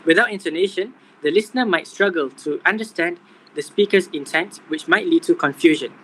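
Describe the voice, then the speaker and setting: A man's voice: high-pitched, brisk, poor audio. Young man reading a class presentation. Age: young adult. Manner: steady, reading from a script. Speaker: student presenter.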